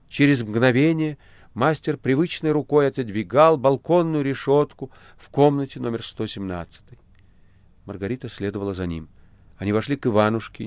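A man narrating a literary audiobook with a measured, expressive reading. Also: on the low side, no room sound.

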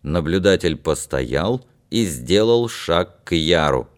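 Man narrating a story, low voice. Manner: steady, measured storytelling. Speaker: audiobook narrator. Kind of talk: scripted narration.

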